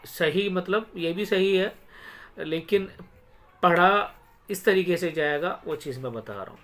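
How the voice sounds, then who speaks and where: A man teaching Quran reading step by step. He sounds out each word slowly and stretched, then explains quickly and checks with the listener. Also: sits high, a bit bright, faint music behind. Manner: asks the learner quick check questions. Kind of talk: step-by-step recitation lesson.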